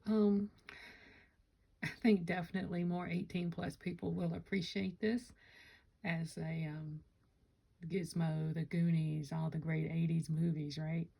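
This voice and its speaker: Woman, husky, mellow, casual vlog chat, hiccups. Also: lowish voice, flat delivery, measured pace, long pauses, rough recording. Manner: rambling, self-correcting, chatty. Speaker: Lego vlogger. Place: home Lego room.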